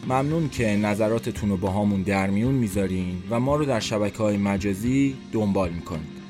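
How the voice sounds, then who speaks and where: A man's voice: lowish voice, over music. A man narrating a first-person story for a podcast he writes, in a tense, introspective inner-monologue manner.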